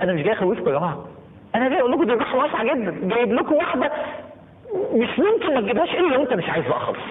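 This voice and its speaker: A man with an Egyptian Arabic accent preaching a live sermon and keeping the audience engaged with frequent questions to the crowd. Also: high voice. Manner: animated, keeps asking the crowd questions. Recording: tinny phone-like sound with long hall reverb.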